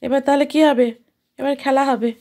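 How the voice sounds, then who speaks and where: A young woman reading a picture book to her toddler, making animal sounds in a sing-song way and stopping now and then to explain calmly. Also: sits high, brisk. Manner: turns aside to explain calmly. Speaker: mother.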